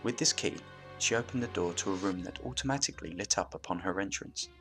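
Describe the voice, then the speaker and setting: A man reading a story aloud as narrator in a steady, even manner, with faint music behind. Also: low voice, quick pace.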